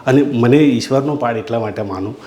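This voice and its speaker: A school principal in middle age, Gujarati-accented, tells his audience a touching tale from his school, addressing them as sir. He talks briskly in a mellow, medium-pitched voice; the room echoes and there's slight background noise.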